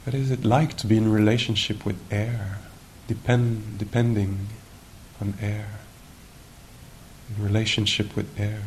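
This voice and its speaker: A retreat teacher guides a meditation in a level tone, musing unhurriedly, asking gentle questions and leaving long pauses. The live recording is noisy, with a low rumble.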